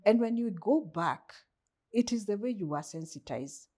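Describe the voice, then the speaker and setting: A Kenyan coach, appearing as an interview guest, speaks thoughtfully and asks herself rhetorical questions. Her medium-pitched voice is warm and expressive, moving at a normal speed.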